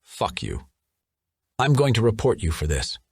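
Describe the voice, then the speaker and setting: A man's voice: lowish voice, sing-song, measured pace, darkish tone, breathy edge, no echo, studio quality, heavily acted. Man playing a sneering, belligerent lout. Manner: sneering, hostile. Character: drugged-up belligerent young male troublemaker.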